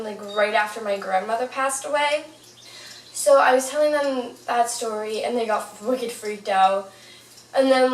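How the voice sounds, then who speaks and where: A young woman telling a personal story in a casual, chatty, informal way, as a vlogger to her viewers. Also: on the high side. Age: young adult. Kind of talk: casual storytime, paranormal anecdote. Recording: roomy, distant mic, fan noise. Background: whirring fan.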